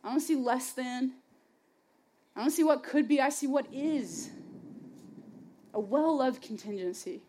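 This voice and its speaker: A woman's voice: medium pitch, darkish tone, a little hiss or hum. A young adult woman giving a passionate, conversational sermon to a youth gathering, chatty and full of "like" and "y'all". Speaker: speaker at a youth faith gathering.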